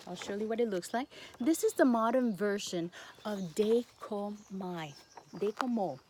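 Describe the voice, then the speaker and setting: Spanish accent lady walking you through a reiki thing, halting short phrases, bit of noise behind her. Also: a little high, a little mellow. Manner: halting delivery in short phrases, non-native grammar. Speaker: Reiki healer and instructor. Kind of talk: guided spiritual instruction to camera. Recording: noticeable background noise.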